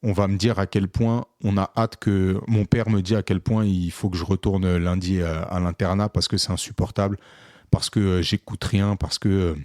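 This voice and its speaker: Low-voiced man telling a story. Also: moderate pace, no room sound, clean studio sound. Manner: animated, re-enacts dialogue with many fillers. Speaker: podcast co-host, photographer. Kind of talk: casual storytelling chat.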